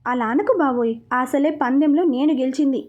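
A woman voicing a cheeky, grumbling young man in a story, pushing her voice higher and louder. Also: a little fast, muffled recording. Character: cheeky young brother-in-law, joking and grumbling. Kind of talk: storybook reading.

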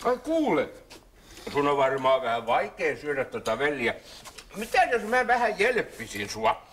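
Sly greedy patient, wheedling, lively pitch, radio comedy. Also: male voice, a little hiss or hum.

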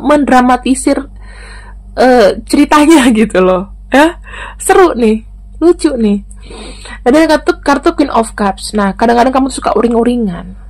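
A woman's voice: high voice, a little mellow. A woman doing a casual tarot reading, chatting directly to the viewer as she turns the cards. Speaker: tarot reader.

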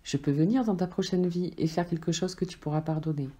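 A woman voicing a gentle, loving soul that speaks softly and patiently. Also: on the low side, fairly quick, close to an everyday voice. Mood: tender. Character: gentle, loving friendly soul, calm and tender.

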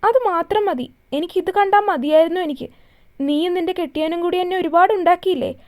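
A woman's voice: very high voice, brisk, a little mellow. A woman voicing a cruel young man who holds a woman captive, in a mocking, menacing way.

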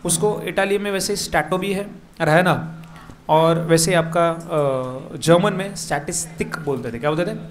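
With an Indian accent and a voice on the high side, a man leads an exam revision lecture. He repeats key words and fires quick questions at his students.

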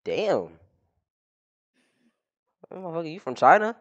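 Speaking slowly with big swings in pitch, this young man has a higher, slightly bright voice captured on lo-fi audio. He streams casual video chats with strangers from a small living room via headset mic, teasing them bluntly and throwing crude insults.

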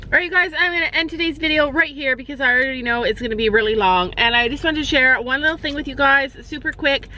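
A woman's voice: high voice, fast talker, hardly any pauses, pushed and bright, low-quality recording. A woman in her forties talking casually to viewers from a car, filmed on a phone held at arm's length. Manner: chatty, addresses viewers directly. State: out of breath on the hill. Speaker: family vlogger. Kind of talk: casual vlog talk to camera. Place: inside a car, and outdoors on a farm field.

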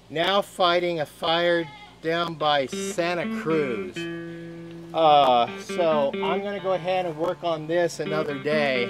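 A man's voice: a little high, poor audio. An older man hosting a homestead vlog, chatting casually outdoors in a sunny farmyard in a plainspoken way with frequent "uh" fillers. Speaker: homestead channel host.

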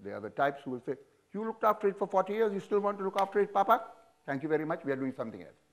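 A man's voice: sits high, very fast. A man in his seventies with an Indian English accent, speaking frankly and animatedly as a guest in an on-stage interview, recorded on a lapel mic. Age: 70s. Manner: animated, frank, sweeping hand gestures, chuckling. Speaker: business leader guest. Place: auditorium stage.

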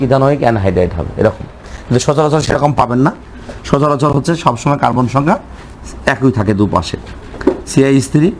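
A man's voice: medium pitch, a little mellow, a little hiss or hum. Man teaching chemistry, repeating himself. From Bangladesh. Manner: asks the class questions and answers them himself, repeating names. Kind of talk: classroom lecture.

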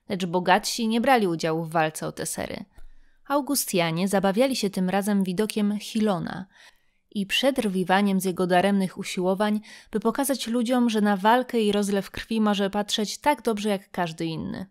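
Woman reading a classic novel aloud. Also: medium pitch. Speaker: audiobook reader. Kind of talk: scripted narration of a classic novel.

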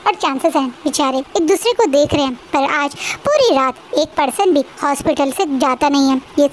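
Woman retelling a story, lots of restarts, emotional, high voice. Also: expressive, normal speed, slight background noise, rough recording. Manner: chatty, emotional, with frequent restarts. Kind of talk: casual story narration.

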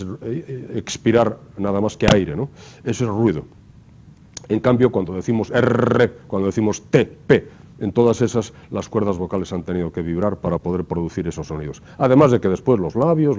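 A man's voice: on the low side, dark tone, slight background noise. A man lecturing to a class, explaining step by step and often checking in with rhetorical questions. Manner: explanatory, asks rhetorical questions with frequent tag "¿no?". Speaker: university lecturer. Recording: dull lo-fi lecture recording.

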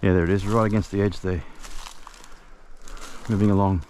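A man narrating his fishing trip outdoors by a creek in a relaxed, observant way, talking quietly to the camera. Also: low-pitched, moderate pace. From Australia. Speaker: fishing vlogger. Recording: outdoor recording with faint background noise.

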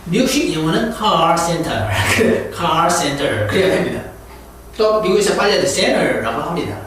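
A man teaching an English lesson, drilling pronunciation and having students repeat words slowly after him. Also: a little high, lively intonation, fairly bright tone, recorded from a distance. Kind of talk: classroom lecture with pronunciation drills. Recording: echoey room, voice from afar, faint hiss.

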